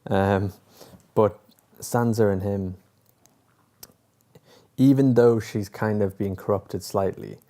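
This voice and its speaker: A man's voice: lowish voice, slow pace, long pauses, dark tone. Chatty man reviewing a TV episode. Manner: chatty and joking, with many fillers. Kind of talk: casual chat to camera.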